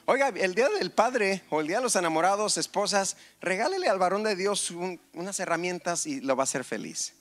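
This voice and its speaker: A male pastor preaching a lively sermon in a church, joking with the congregation and calling for amens. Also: sits high, a little fast, few pauses. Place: church hall.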